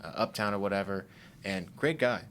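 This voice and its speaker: Man, very low voice, casual podcast chat, rambling with fillers, faint background noise. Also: moderate pace, fairly bright tone. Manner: rambling, thoughtful, many fillers. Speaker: podcast co-host.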